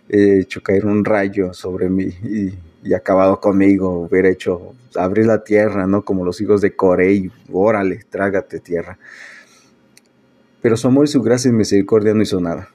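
A man's voice: low voice, steady tone, moderate pace, a little mellow. A man, a preacher telling a personal story in a loose, conversational way with many fillers and restarts. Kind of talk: personal testimony talk.

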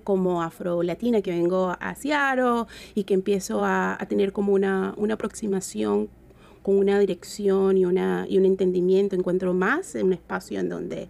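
A woman with a Venezuelan Caribbean Spanish accent, talking reflectively in an interview and often halting to search for words. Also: medium pitch, steady tone, gravelly, darkish tone. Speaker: interview guest. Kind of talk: reflective conversational interview talk.

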